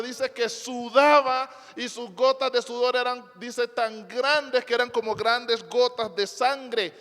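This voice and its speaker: A male pastor with an extremely high, slightly bright voice preaches emphatically before a church congregation, repeating phrases and posing rhetorical questions. The sermon carries a long hall reverb.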